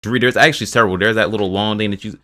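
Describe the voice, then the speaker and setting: A man with a low voice reacts to news in a rapid stream of casual commentary. He swears freely, trails off and restarts his sentences as he goes. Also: fairly even intonation, pushed and bright. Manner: rambling, profane, restarts a lot. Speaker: video host reacting to game news.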